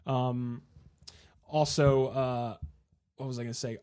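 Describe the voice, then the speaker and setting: A man's voice: mid-range voice, level tone, darkish tone, smooth. Rambling podcast guy, casual. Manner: rambling, acts out game characters in quick asides. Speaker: podcast co-host. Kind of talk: casual chat.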